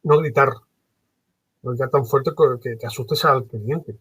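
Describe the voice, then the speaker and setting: A man lecturing as a trainer in a workshop, animated and varying his tone on purpose, with many fillers. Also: medium pitch, a little slow, breathy edge, no echo, rough recording. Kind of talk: workshop lecture on phone customer service.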